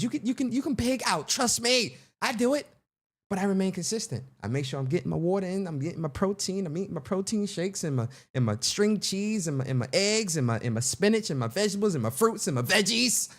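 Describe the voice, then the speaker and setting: A young man hosting a casual livestream, playful and animated, talking straight to his chat. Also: high voice, a little fast. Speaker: livestream host.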